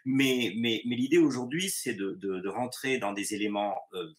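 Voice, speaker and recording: A man's voice: medium pitch, moderate pace. A male visual artist describing his exhibition project over a video call, searching for words and repeating himself as he thinks. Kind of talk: interview answer.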